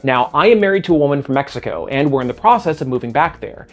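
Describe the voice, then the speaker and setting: A man's voice: mid-range voice, expressive, fast, faint music behind. An American man hosting a scripted video essay with a sarcastic, self-mocking know-it-all manner. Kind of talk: scripted commentary.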